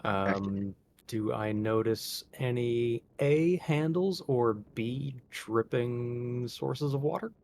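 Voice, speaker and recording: A man's voice: mid-range voice, slow pace, a little mellow. A man playing a tabletop role-playing game, chatting casually in character. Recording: clear background noise.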